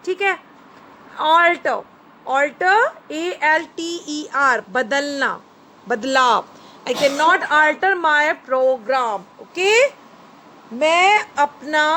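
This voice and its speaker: A woman with a high voice and an Indian English accent teaches grammar to children, switching between English and Hindi. She speaks very slowly and spells each word out letter by letter. The recording has a faint hum of background noise. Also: sharp tone. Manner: slow, spells words out letter by letter; addresses listeners as children. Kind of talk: bilingual grammar lesson. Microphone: phone screen recording.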